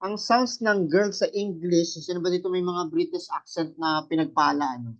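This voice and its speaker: In this Japanese classroom lesson, a high-pitched man speaking at normal speed explains katakana step by step. He keeps checking with his students through rhetorical questions. The high frequencies of the recording are cut off.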